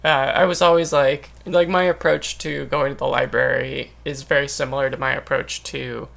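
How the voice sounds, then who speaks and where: A man's voice: medium pitch, flat delivery, normal speed, vocal fry, a bit bright. A man chatting casually with dry, teasing jokes and a loose, rambling way of talking. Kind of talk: casual chat.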